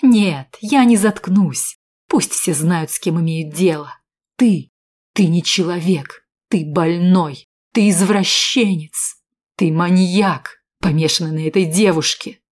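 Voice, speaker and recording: A woman voicing a furious, battered woman who shouts curses through clenched teeth. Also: fairly low pitch, slow pace.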